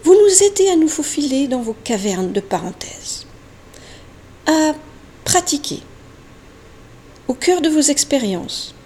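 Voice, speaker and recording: A woman giving a slow, deliberate sound poetry recitation, halting with long pauses and now and then dropping to a whisper. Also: high-pitched, sing-song, warm tone, slight background noise. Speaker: poetry reader.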